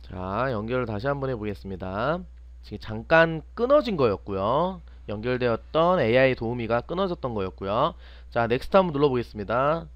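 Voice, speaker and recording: A fairly quick, sing-song delivery in a mid-range male voice carries this off-the-cuff, step-by-step screen lesson from an online programming instructor who often questions himself and supplies the answers. The audio is lo-fi, without room sound.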